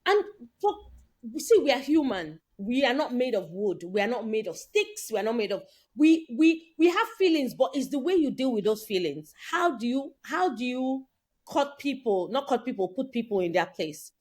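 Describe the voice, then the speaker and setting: A woman's voice: a little high, normal speed. A woman from Nigeria co-hosting a casual chat, telling stories with lots of quoted dialogue. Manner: animated storytelling with quoted dialogue. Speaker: co-host.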